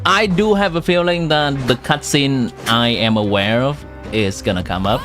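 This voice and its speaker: A man streams a game and playfully chats with his viewers, his voice passed through an AI voice changer. It's mid-range and a bit bright, at a moderate pace. He's chatty and talks to chat during this casual live stream, with game music in the background.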